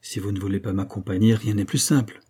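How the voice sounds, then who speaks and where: A man's voice: fairly low pitch, fairly even intonation, fast, dark tone, husky. A man reading the part of a haughty young woman who speaks curtly and with disdain. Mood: cold. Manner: curt, disdainful. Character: haughty, cold young woman, curt and bored.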